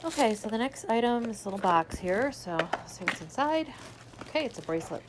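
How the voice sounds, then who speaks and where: A woman's voice: a little high, big pitch swings, fairly quick, background noise. A woman chatting casually as she unboxes a subscription box, describing each item as she pulls it out. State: hiccuping. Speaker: unboxing vlogger.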